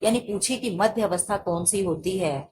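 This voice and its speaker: A woman teacher runs through exam-prep material, asking herself quick rhetorical questions and answering them. Her voice sits at an ordinary pitch. A clear layer of noise runs under the recording. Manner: explains and quizzes herself with repeated rhetorical questions.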